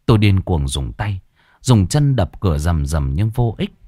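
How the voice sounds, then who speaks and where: Husky man reading a ghost story. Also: sits low, unhurried, no room sound. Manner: dramatic, expressive first-person reading. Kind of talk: scripted ghost story narration.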